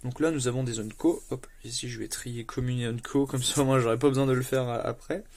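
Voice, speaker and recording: A man chatting casually as he opens trading card packs, with lots of fillers, stumbling over English card names and bursting with excitement at good pulls. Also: mid-range voice, fairly quick. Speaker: card collector opening booster packs. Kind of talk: casual unboxing commentary.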